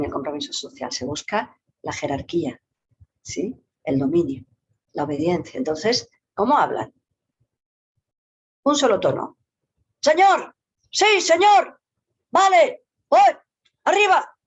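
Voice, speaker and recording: Low-voiced woman explaining with lively intonation. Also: slightly rough. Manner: lively, varied intonation with playful vocal demonstrations. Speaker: psychologist and yoga teacher giving a talk. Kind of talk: explanatory talk. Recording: dull lo-fi recording.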